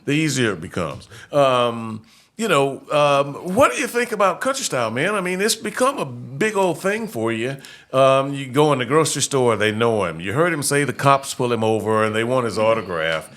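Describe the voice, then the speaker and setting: A man's voice: medium pitch, sing-song, moderate pace, fairly bright tone. Casual talk host: middle-aged man, folksy, swooping mid-range voice, leans on repeated phrases. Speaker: host, interviewer. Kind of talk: casual chat.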